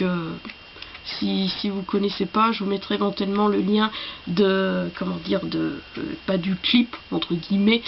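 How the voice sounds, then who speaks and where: A woman with a cold, coughing now and then, who talks to camera about books in a halting, apologetic way. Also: mid-range voice, creaky, lo-fi sound, a little hiss or hum. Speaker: book vlogger. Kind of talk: casual chat to camera.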